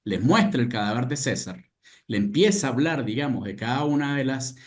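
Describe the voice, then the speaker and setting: Man giving a lively seminar talk. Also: mid-range voice, brisk. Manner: retells scenes with lively quoted asides, many restarts. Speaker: lecturer at a seminar.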